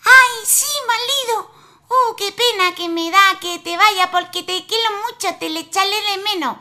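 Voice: very high voice, measured pace, pushed and bright, voice pushed up, exaggerated voice. A storyteller voicing a loving young village wife who turns tearful and wails. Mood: fond.

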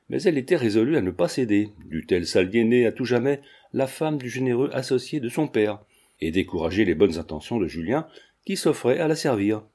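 Mellow male audiobook narrator. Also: medium pitch. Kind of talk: scripted narration.

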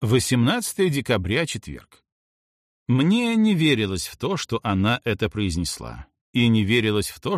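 A man's voice: lowish voice, no echo, studio quality. A young man reading a first-person novel aloud with ironic expressiveness. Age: young adult. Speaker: audiobook narrator. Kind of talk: first-person audiobook narration.

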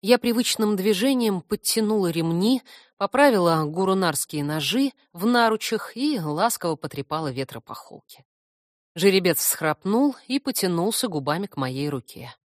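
Woman reader, low voice, dry close recording, steady first-person audiobook narration. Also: normal speed, dry recording.

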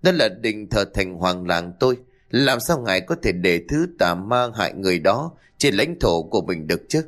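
A man voicing a stern middle-aged village chief in a storybook reading, gruff and scolding. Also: sits low, big pitch swings, normal speed. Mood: angry.

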